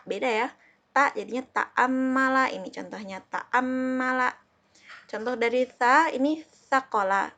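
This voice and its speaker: A woman from Indonesia teaching an Arabic lesson, patiently repeating herself and slowly sounding out each example. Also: fairly high pitch. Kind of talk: classroom lesson explaining letters.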